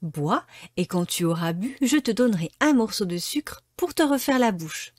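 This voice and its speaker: A woman voicing a patient, motherly fairy in a storybook reading, gentle and coaxing. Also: medium pitch, animated, moderate pace, dry recording, clean studio sound, lightly acted.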